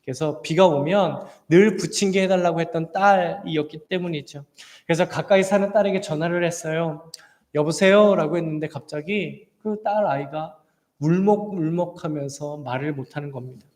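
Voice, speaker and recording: A man's voice: fairly high pitch, moderate pace, a little mellow. A male pastor delivering an earnest sermon, telling a story from the pulpit microphone. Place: church sanctuary. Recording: long church hall reverb.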